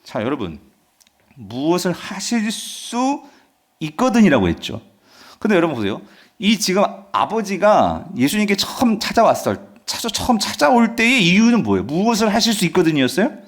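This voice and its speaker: Animated preaching man, wide-swinging pitch. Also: moderate pace. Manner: asks the congregation questions and answers them; swings between loud emphatic scripture reading and soft asides. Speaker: pastor. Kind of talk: Friday revival-service sermon.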